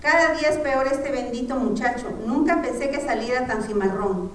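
A woman's voice: sits high, moderate pace, lightly acted. A woman doing a pleading, pious old mother. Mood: pleading, sorrowful. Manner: pleading, imploring, sighing "ay". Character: poor, frightened older mother, pleading and pious. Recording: echoey room, far from the mic, faint noise.

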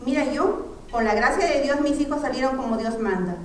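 A woman's voice: sits high, lively intonation, a little fast, a little hiss or hum. A woman voicing a concerned neighbor woman who questions and gives frank advice, in an echoey room far from the mic. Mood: concerned, advising.

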